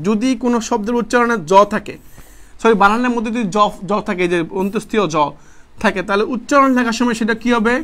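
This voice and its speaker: A young man with a Chittagong accent teaches an exam-prep class in a high voice. He explains each point step by step, asks questions and answers them himself. He calls his students brother, friendly and patient. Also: fairly bright tone. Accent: Chittagong Bangla. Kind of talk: online exam-prep lesson.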